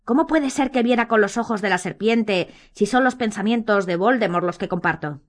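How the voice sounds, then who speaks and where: A woman's voice: mid-range voice, normal speed, pitched above the performer's own voice, natural voice. A woman reading as Harry, an urgent teenage boy. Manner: urgent, pressing questions. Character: impatient, urgent teenage boy wizard student.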